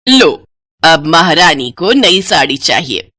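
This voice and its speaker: A woman voicing a harsh, scolding older mother-in-law in a cartoon story, with a low, scornful delivery. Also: very animated, slow pace, sharp tone, no room sound, clean studio sound, heavily acted. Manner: scornful, bossy.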